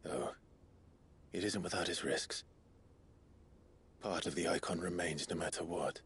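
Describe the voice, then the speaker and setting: Very deep, gentle solemn warrior. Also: male voice, steady tone, husky, heavily acted. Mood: grave, reassuring. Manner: slow, measured, solemn, gentle. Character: grave, compassionate male warrior easing a frightened child's burden. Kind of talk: video game drama acting.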